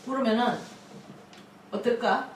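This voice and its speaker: A woman pastor preaching a lively sermon, laughing often and acting out quotes. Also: fairly high pitch, unhurried, slight background noise. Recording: echoey room, mic at a distance.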